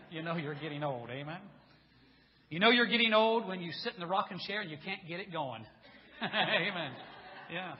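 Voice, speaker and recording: A man preaching in a church sanctuary with a high voice. He jokes with his flock in a folksy way and swells into fervent, loud preaching. The recording is dull and carries a long church reverb. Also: a little hiss or hum. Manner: rises to loud, intense preaching. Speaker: pastor. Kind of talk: church sermon.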